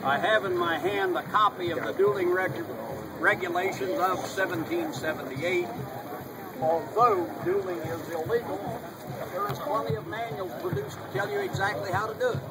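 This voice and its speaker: A man narrating a historical reenactment in a formal, deliberate manner with old-fashioned phrasing, explaining things to an audience. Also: high-pitched, animated, far from the mic. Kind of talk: explaining to an audience, in period character. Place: outdoors at a public event. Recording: noisy outdoor recording with loud ambient noise.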